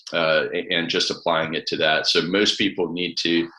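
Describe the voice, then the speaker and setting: Low male voice, forceful edge, conversational coach, explains by example, echoey room. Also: fairly even intonation, normal speed. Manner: explains step by step with acted-out examples. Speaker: coach and author, guest. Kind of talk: conversational advice. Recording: roomy, echoing voice.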